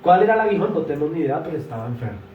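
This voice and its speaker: A man's voice: fairly high pitch, sing-song, distant mic, phone-quality sound, slight background noise. Emphatic preacher man in echoey church. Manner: emphatic, swings between loud exclamations and soft asides; stretches words slowly for emphasis. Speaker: pastor. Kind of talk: sermon. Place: church hall.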